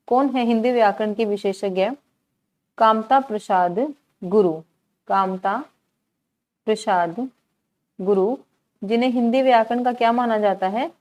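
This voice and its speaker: A woman with a fairly high voice teaches grammar for exam preparation. She keeps asking questions and answering them herself. She repeats the key words slowly. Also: a little mellow. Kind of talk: exam-prep grammar lesson.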